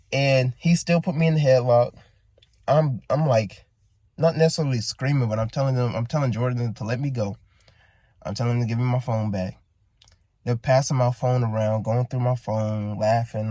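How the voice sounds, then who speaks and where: A man's voice: medium pitch, fairly even intonation, normal speed, a little mellow, no room sound. A man with a groggy morning voice telling a long story in a casual, rambling vlog, full of restarts and asides. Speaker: vlogger.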